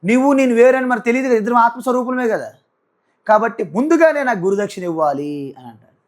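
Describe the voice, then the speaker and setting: A man's voice: extremely high pitch, expressive. A man, a swami, giving a Vedanta discourse in a storytelling way with rhetorical questions and speech. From South India. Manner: slow drawn-out chanting of verses. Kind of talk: spiritual discourse with chanted Sanskrit verses.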